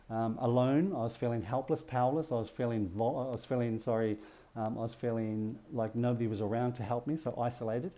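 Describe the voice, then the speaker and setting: A middle-aged man with a dark-toned, mid-range voice leads a relationship workshop. He teaches the group and keeps checking in with rhetorical questions.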